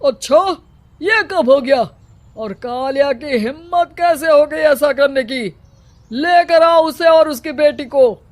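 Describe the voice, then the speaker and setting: Domineering cartoon village headman, played by a man; extremely high voice, commanding, mocking, self-important. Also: slow. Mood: suspicious, mocking. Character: stern, domineering village headman who oppresses women. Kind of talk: Hindi cartoon character acting.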